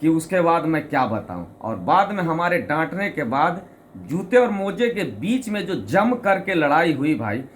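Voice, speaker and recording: A man's voice: on the high side, sing-song, unhurried, slight background noise. A man telling a funny personal story and explaining his own comic poem. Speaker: storyteller and poet. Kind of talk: anecdote and recited humorous poem.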